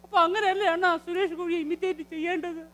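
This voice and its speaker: A squeaky, whiny young simpleton. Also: male voice, fairly even intonation, fast, a bit bright. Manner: whining, bumbling, complains to his elder brother. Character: naive, clumsy young man, whiny sidekick. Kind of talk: live mimicry comedy skit. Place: live stage show.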